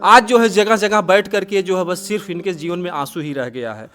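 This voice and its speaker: A man's voice: high-pitched, normal speed, fairly bright tone, soft background music. A man interviewing a woman for a news-style video, talking in an earnest, sympathetic way.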